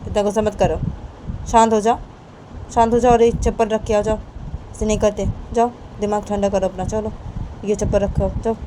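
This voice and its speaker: A woman's voice: mid-range voice, little pitch movement, moderate pace, long pauses, dark tone, a little hiss or hum, pitched above the performer's own voice, lightly acted, poor audio. A woman voicing a stern older mother-in-law who lectures in repetitive phrases. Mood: lecturing.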